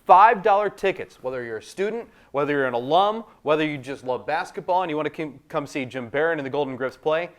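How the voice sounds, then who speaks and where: A man's voice: fairly high pitch, lively intonation, fast talker, few pauses. Upbeat male sports show host. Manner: upbeat, emphatic when plugging tickets. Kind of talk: sports radio host, promotional reads.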